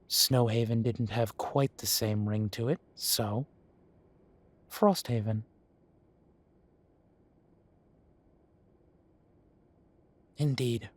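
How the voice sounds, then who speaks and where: Here the kindly fantasy-town café owner, voiced by a male actor in a roleplay audio, tells a story with pride. He speaks to the listener at an unhurried pace, courteous and a touch formal. The voice is medium-pitched and close to an everyday speaking voice.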